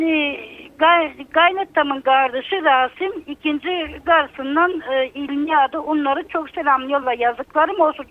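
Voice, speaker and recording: An older Bulgarian woman calls in to a radio show on a landline phone, complaining in a bitter, aggrieved, emotional way. Her voice sits high and comes through a narrow, tinny phone line.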